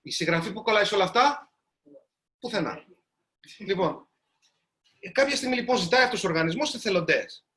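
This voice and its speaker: A man's voice: sits high, animated, long pauses, bright, forceful tone. A man, a writer, giving a storytelling talk to a live audience and addressing them directly.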